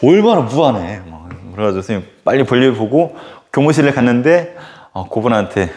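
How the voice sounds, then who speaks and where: A male history teacher tells a story casually during a lecture, animated and full of fillers. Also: medium pitch, brisk.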